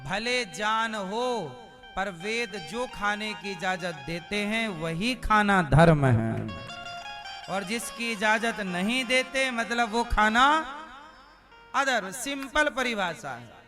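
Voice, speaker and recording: A man's voice: high-pitched, slow pace. A male preacher giving a sermon, putting rhetorical questions to his listeners. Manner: asks the audience rhetorical questions. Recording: music playing under the voice.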